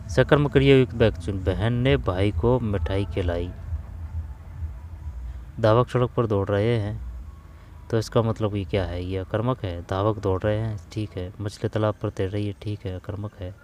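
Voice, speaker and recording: A man's voice: fairly low pitch, fairly even intonation, normal speed, darkish tone, slight background noise. Man teaching grammar, thinking aloud. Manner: thinks aloud, repeats phrases while reasoning. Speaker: exam-prep grammar teacher. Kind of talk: casual spoken lesson, working through exam questions.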